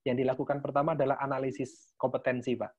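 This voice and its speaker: A man's voice: mid-range voice, level tone, fast, highs cut off. A man, casually explaining teaching ideas to teachers on a video call. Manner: casual and chatty, ends phrases with Pak. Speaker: teacher trainer leading an online session.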